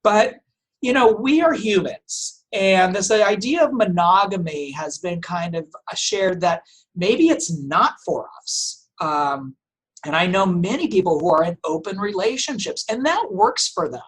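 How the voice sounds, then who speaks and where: Halting, thoughtful man from Portugal. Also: high voice, animated, husky. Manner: thoughtful, halting with many restarts and fillers. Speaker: family law attorney guest. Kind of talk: conversational podcast interview.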